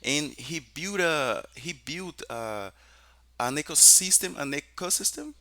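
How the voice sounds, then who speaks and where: A man's voice: a little high, lively intonation, a little slow, sharp tone, no echo. A Portuguese-speaking man from Brazil practicing English conversation, often repeating words while he searches for them. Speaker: English student.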